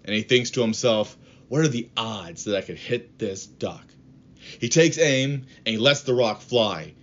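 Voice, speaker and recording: Low-voiced man preaching a sermon. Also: lo-fi sound. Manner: earnest, measured preaching. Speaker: podcast preacher. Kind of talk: sermon with storytelling.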